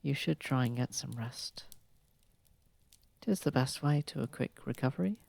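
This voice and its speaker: A tender, courteous vampire lord of a manor, posh, gentle, and protective, is brought to life by an actor in soft, intimate ASMR roleplay. The medium-pitched voice comes out breathy, husky, gravelly, and slightly creaky, unhurried, soothing, and a touch formal. The close-miked recording is dry.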